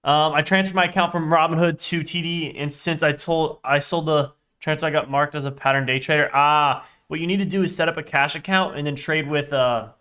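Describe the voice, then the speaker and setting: With a sharp, rather high and stuffy voice, a young man rambles casually on a live trading stream, reading out chat and correcting himself as he talks.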